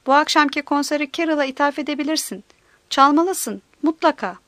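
A woman's voice: high voice, brisk, fairly bright tone, no room sound. A woman voicing a whiny pleading young man. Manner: whiny, imploring.

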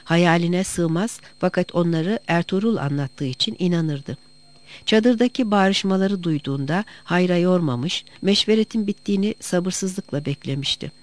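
A narrator reads a historical novel aloud in a steady, measured way. The voice sits in a middle pitch. The delivery is plain scripted storytelling. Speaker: audiobook narrator.

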